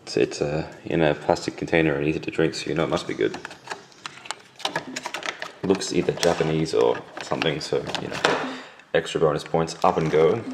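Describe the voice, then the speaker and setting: A young adult man with a swollen, sore jaw, rambling casually and deadpan to a handheld camera at home. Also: very deep voice, moderate pace, pauses often, background noise. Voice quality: gravelly, creaky voice. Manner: deadpan, dryly joking. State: swollen, sore jaw after wisdom teeth removal. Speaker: vlogger. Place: indoors at home. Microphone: handheld camera at arm's length.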